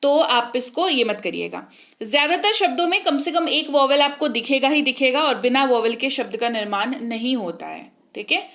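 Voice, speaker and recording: A woman with a slightly high voice gives a spelling lesson. She spells words out slowly, letter by letter, and keeps checking that her listeners are following along. Her delivery is patient and explanatory. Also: lively intonation, a bit bright. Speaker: English teacher.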